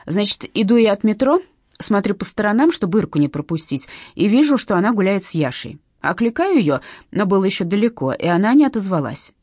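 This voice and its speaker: Woman reading a clumsy young woman, whiny and flustered, lively pitch, husky voice. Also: a little fast, dry recording, studio quality. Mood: recounting. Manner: plaintive and flustered.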